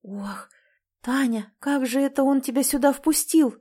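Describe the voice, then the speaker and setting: A woman's voice: high voice, fairly even intonation, normal speed, mellow, voice pushed up, close to an everyday voice. A woman voicing an emotional young woman, a sister who exclaims and sighs, in an audiobook. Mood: earnest. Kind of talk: audiobook character voice.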